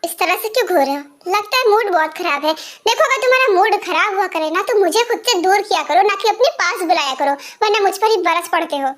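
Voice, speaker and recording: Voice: very high-pitched, lively intonation, brisk, a bit bright, a little hiss or hum. A performer in an amateur Hindi fan dub voices a young wife who pleads with and explains herself to her angry husband. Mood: pleading.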